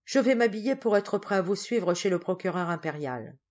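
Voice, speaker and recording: A woman's voice: medium pitch, expressive, normal speed, a little mellow, voice pushed up, natural voice. Woman reading as impassioned young son Georges. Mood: indignant. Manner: fervent, declamatory.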